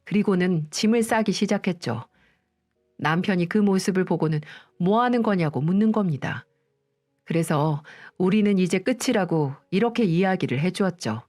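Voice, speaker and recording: A woman's voice: lowish voice, lively intonation, moderate pace, a little mellow, faint music behind. A woman narrating a first-person story, telling it with an indignant, vindictive manner.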